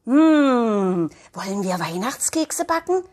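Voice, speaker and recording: A woman voicing a gentle, loving mother in a storybook reading, explaining things in a soothing tone. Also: a little high, sing-song, slow pace, pitched above the performer's own voice, full character voice. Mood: tender.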